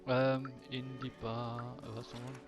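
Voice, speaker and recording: A man's voice: mid-range voice, completely flat delivery, unhurried. A man with a Swiss German accent giving casual let's-play commentary as a livestreamer, mumbling asides and talking to the game's cat. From Switzerland. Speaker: livestreamer playing a video game. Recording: game music playing clearly behind.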